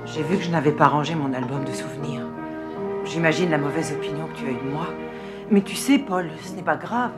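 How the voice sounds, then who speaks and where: An actress dubbing an obsessive woman who speaks in a soft, eerie, controlled way. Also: low voice, a little fast, loud music behind the voice, close to an everyday voice.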